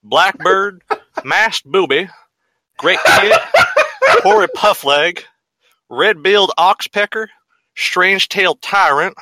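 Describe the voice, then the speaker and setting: A man reading a list in a deliberately bad, put-on American Southern accent, drawing the words out. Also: sits high, big pitch swings, very noisy, voice pushed up, full character voice. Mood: mock-serious. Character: man reading a list in an exaggerated hick drawl.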